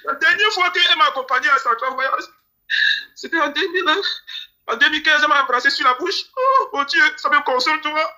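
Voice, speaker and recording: Grieving man, pleading, repeats himself, high voice, sharp tone. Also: expressive, brisk. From Cameroon. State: grieving, near tears. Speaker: interview guest. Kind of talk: emotional interview testimony.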